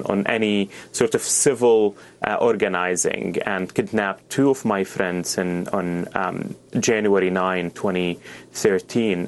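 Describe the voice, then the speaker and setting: A man's voice: on the low side, a little hiss or hum. A young man from Syria, not an English speaker, answering interview questions earnestly with many restarts and fillers. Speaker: guest.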